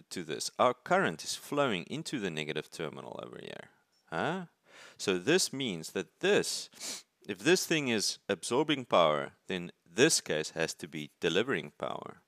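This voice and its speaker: Male engineering lecturer, very low voice, dry close sound, talking through sketches with frequent restarts and "right?" check-ins. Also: big pitch swings, moderate pace, fairly bright tone, no echo. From South Africa. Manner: thinks aloud, restarts words, asks "right?". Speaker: university lecturer. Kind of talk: explaining while drawing circuits. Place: at a desk, filming paper from above.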